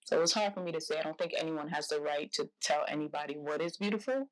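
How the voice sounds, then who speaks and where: A woman's voice: low-pitched, quick pace, rough recording. A young woman talking as an interview guest, a hairstylist and fashion entrepreneur, speaking expressively and casually with lots of "like" fillers. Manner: expressive, chatty, many "like" fillers.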